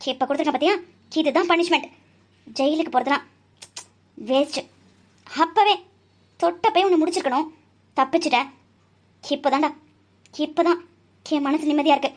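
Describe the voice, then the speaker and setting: A woman's voice: high voice, moderate pace, long pauses, close to an everyday voice. A woman voicing a fierce young woman doctor who takes revenge in a cartoon, scolding and declaiming with fiery force. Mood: triumphant. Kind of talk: cartoon voice acting.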